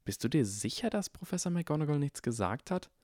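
Soft, anxious mother, as a man puts her on. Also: on the high side, sing-song, brisk, dry recording, studio quality, pitched above the performer's own voice.

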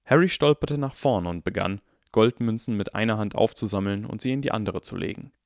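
Guy reading an audiobook, steady and even, lowish voice, very dry booth sound. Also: vocal fry, dry recording. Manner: calm, even, measured storytelling. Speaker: audiobook reader. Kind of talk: scripted narration.

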